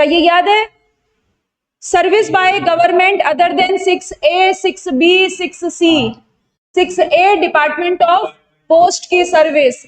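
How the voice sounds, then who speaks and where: A young Indian woman teaching an online tax revision class, asking her students quick questions and answering them herself, mixing Hindi with English terms. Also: extremely high pitch. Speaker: GST exam tutor.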